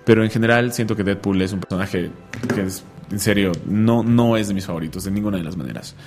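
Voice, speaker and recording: A man's voice: on the low side, fast talker, a little mellow, faint music behind. A man hosting a radio talk show, chatting and telling stories with a joking manner. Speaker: radio host. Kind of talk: casual radio chat.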